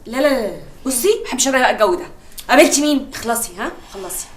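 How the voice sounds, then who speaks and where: A woman's voice: fairly high pitch, animated, very fast, reverberant, slight background noise, natural voice. An actress with an Egyptian accent playing a nosy, impatient young woman in a TV comedy. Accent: Egyptian Arabic.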